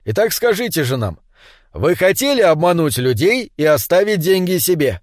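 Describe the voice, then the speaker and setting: A man's voice: a little high, big pitch swings, moderate pace, no room sound, studio quality. A man reading an audiobook, voicing a cruel talk-show host who questions his guest theatrically. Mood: probing. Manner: theatrical, interrogating.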